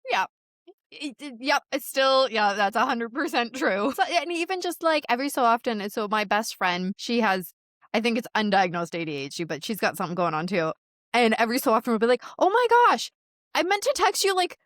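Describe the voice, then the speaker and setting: A woman's voice: a little high, lively intonation, a little fast, fairly bright tone, dry recording, clean studio sound. A woman talking as a podcast guest in casual interview chat, candid and blunt, often laughing as she talks.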